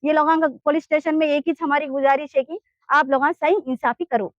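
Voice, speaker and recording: A woman's voice: sits high, steady tone, a little fast, no echo, muffled recording. A woman with a Hyderabadi Urdu accent, giving an urgent, pleading complaint in a street interview. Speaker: interviewee in a land dispute.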